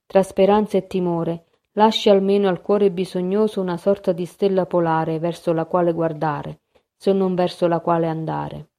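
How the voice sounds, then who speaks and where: A woman's voice: fairly low pitch, fairly even intonation, normal speed, vocal fry, warm tone. A woman reading the part of an impassioned, lovesick nobleman in an audiobook, in an earnest, pleading manner.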